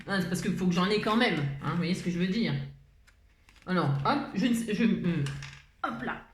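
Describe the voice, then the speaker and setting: A woman's voice: mid-range voice, moderate pace. A woman hosting a casual crafting tutorial. She rambles, often changes her mind mid-sentence, and chuckles a lot as she talks. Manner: chuckles often while talking. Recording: roomy echo, faint background noise.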